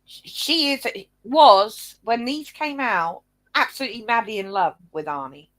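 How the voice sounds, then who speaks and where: A woman's voice: fairly high pitch, expressive, a little slow, a bit bright. A woman co-hosting in a casual, rambling, chatty way. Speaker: co-host. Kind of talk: casual chat.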